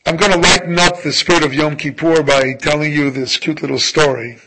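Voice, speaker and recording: A male rabbi giving a sermon in a slow, emphatic way, often letting his phrase endings fall soft. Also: on the high side, steady tone, noisy background.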